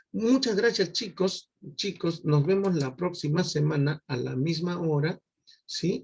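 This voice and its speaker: Male teacher, slightly high voice, gravelly, lively storytelling lecture. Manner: asks rhetorical questions with tag questions, acts out scenes. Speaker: literature teacher. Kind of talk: online class lecture.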